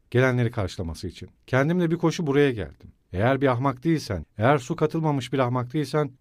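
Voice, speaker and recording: A man voicing a hot-tempered, loyal young male student who shouts, scolds and pleads in a loud, blustering way, in a dry audiobook recording. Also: medium pitch, no echo.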